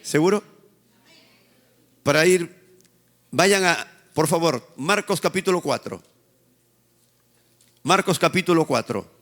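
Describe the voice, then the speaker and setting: A man's voice: on the high side, lively intonation, slow, pauses often, a bit bright. A male pastor with a Peruvian Spanish accent preaching a sermon to a live congregation, calling on the people to repeat his words after him and teasing them as he exhorts them. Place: church service with a live congregation.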